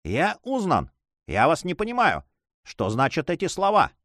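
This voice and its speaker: A man voicing a haughty, cold and impatient male nobleman in an audiobook reading, pitched higher than his narration. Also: huge pitch swings, moderate pace, fairly bright tone, dry recording, studio quality.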